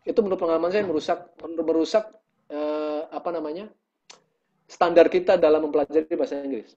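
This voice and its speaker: Musician guest, man, fairly high voice, animated storyteller, muffled video-call sound. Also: a little fast. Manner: lively storytelling, acts out quotes. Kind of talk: casual video-call conversation.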